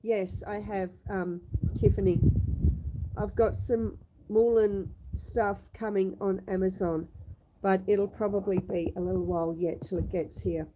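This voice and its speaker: Chatting to viewers by name, this homestead host streams live outdoors using a phone on a tripod. Her mid-range voice has fairly even intonation and a slightly slow pace, with background noise in the clip. She still sounds a bit snuffly and coughs, recovering from a long illness.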